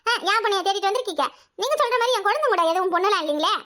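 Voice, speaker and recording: Very high squeaky cartoon village housewife, Kanyakumari Tamil accent, fast scolding, bright. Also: female voice, lively intonation. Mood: quarrelsome. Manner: scolding, rapid bickering. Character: sharp-tongued village housewife, quarrelsome and loud. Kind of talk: cartoon voice acting.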